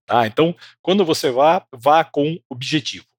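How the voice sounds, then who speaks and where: A Brazilian man co-hosting a podcast, chatting in a relaxed way about sales habits and poking fun at lazy salesmen. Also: fairly high pitch, normal speed, no room sound, studio quality. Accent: Brazilian Portuguese. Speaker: podcast co-host. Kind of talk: casual advice talk on sales.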